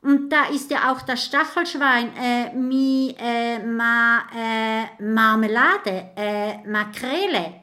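A woman's voice: a little high, slow, hardly any pauses, bright, forceful tone, voice pushed up. A woman voicing a shy, clumsy little male ghost who stammers and mixes up names. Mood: flustered sheepish.

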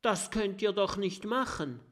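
A small, brave young dragon from a children's storybook speaks up earnestly, as a man puts him on. The voice is raised well above the reader's own pitch. He sounds sincere and plucky. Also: lively intonation, unhurried. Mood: protesting. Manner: earnest protesting.

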